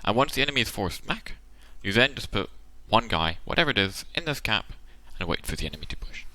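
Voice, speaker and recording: A man with a tired, worn-out voice talks through game tactics on his channel. His voice is pitched a little low but has a bright, forceful edge. He lays out option after option, thinking aloud as he goes, recorded close and dry at a desk mic. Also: very animated, fast, no echo. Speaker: channel host analysing a game replay. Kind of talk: casual tactical commentary.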